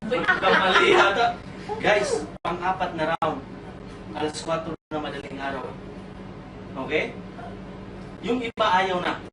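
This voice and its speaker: Animated man joking with an audience. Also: high voice, unhurried, pauses often. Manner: animated storyteller, teasing, asks the crowd questions; mixes in English phrases. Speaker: motivational speaker at a sales orientation. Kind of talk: comic motivational talk to an audience. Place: seminar room with audience. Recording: echoey room, far from mic, noisy.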